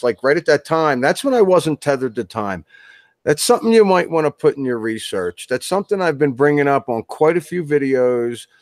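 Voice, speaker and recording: A man's voice: mid-range voice, no room sound, studio quality. A man being interviewed as a guest author, talking in a loose, rambling way with many restarts. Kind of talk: casual interview chat.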